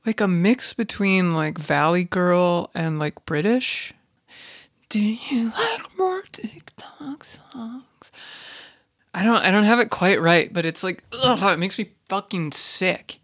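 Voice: mid-range voice, unhurried, hardly any pauses, a bit bright. A speaker in a loose solo rant, exasperated and swearing freely. The speech keeps circling back on itself with fillers and restarts. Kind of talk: casual ranting monologue.

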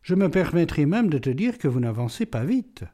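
A man voicing an ironic gentleman burglar. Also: on the high side, sing-song, normal speed. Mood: mocking. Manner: playful, ironic, self-assured. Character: witty, mocking gentleman burglar, imprisoned man. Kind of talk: audiobook reading.

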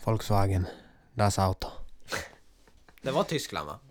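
A man co-hosting a podcast in casual banter, joking and breaking into loud shouts. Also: deep voice, very animated, slight background noise. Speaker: podcast co-host.

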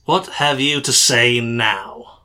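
Surly, combative market trader, played by a man; bright, forceful voice. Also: medium pitch, lively intonation, heavily acted. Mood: smug. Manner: blustering, combative, quick to anger. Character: surly, hot-tempered male poultry salesman. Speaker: market stall salesman.

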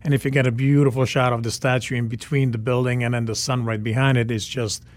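A Czech man in his forties, a native speaker from the Czech Republic, appears as a photographer guesting on a radio interview. His medium-pitched voice stays level and moves fast. He speaks with enthusiasm and repeats words for emphasis.

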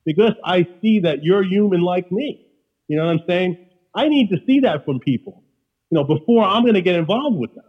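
Higher-voiced Queens guy, slightly muffled recording. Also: expressive, fairly quick, slightly rough. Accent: Queens, New York. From Queens, New York. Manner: emphatic, repeats himself, peppers talk with "you know". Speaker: podcast guest, restaurateur. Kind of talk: casual conversation.

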